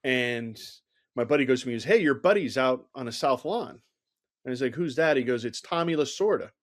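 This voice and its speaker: A middle-aged man spins long, animated anecdotes as an interview guest, his pitch sitting in an ordinary middle range. He peppers his telling with "you know" and slips into the voices of the people he quotes. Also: brisk. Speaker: guest, former Secret Service agent. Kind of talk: conversational storytelling interview.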